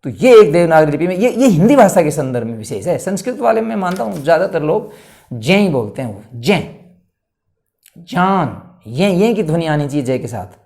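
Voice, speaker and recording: A man teaching a lesson, putting questions to the class and answering them himself, slowing down to spell out each letter. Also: on the high side, big pitch swings, darkish tone. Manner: emphatic, asks and answers his own questions, slows to spell out letters. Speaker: Hindi teacher. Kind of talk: explanatory lecture.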